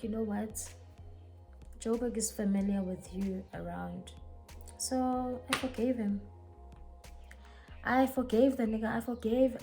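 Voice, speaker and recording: A young South African woman telling a storytime in a casual, animated way. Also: fairly high pitch, vocal fry. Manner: animated, code-switching, dramatic retelling. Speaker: vlogger. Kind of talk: casual storytime while getting ready.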